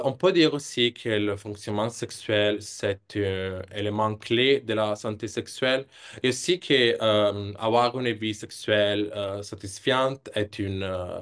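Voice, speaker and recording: Young guy w foreign italian accent in french, lowish voice, really slow halting research presentation. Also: clean tone. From Italy. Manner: hesitant, searching for words in accented non-native French. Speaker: PhD candidate presenting research.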